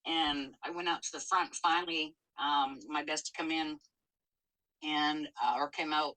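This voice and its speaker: A woman's voice: low-pitched, fairly even intonation, a little slow, sharp tone, poor audio. A middle-aged woman telling a personal story in a candid, emotional, casual chat. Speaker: co-host.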